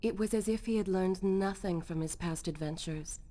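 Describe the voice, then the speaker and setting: An actress playing a solemn, sorrowful woman storyteller in a video game, with measured, grave narration. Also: medium pitch, warm tone, natural voice. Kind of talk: scripted dramatic game narration.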